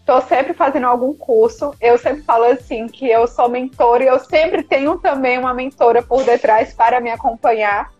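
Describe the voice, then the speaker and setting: A woman from Recife with a mixed northeastern Brazilian Portuguese accent speaks as a podcast guest over a video call, earnest and motivational in a casual interview. Her voice is high, a little mellow and husky, with the highs cut off.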